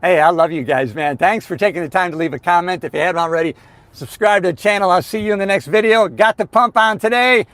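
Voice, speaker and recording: Man in his sixties, high-pitched, dry close sound, upbeat motivational live-stream chat. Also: fast, fairly bright tone, no room sound. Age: 60s.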